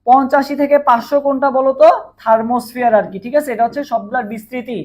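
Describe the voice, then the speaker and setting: With a very high voice, a steady tone, and a fast delivery, this man with a Bangladeshi Bengali accent conducts a live online chemistry class. Hoarse after a long teaching day, he repeats questions and drills answers with his students.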